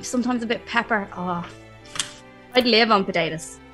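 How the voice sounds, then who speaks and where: A woman chatting casually as a guest, talking quickly and laughing often. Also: mid-range voice, a bit bright, faint music behind. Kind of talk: casual chat.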